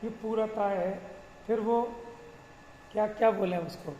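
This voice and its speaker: A man teaching a religious class, explaining patiently, asking rhetorical questions and chanting verses slowly. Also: high-pitched, fairly even intonation, warm tone, roomy sound, in a large hall, lo-fi sound, slight background noise. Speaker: scripture teacher.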